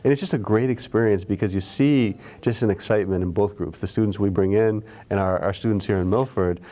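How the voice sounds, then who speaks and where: A man from the local school system, appearing as a guest school administrator, talks earnestly about programs in a casual chat. He often restarts his sentences. His voice is on the low side and mellow, and he speaks briskly.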